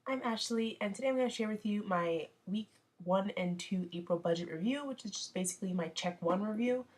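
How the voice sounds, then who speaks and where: A woman's voice: medium pitch, a little fast. A young woman under the weather with a nasal voice, chatting casually through her budget with frequent ums and self-corrections. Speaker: budgeting vlogger. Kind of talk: casual screen-share walkthrough.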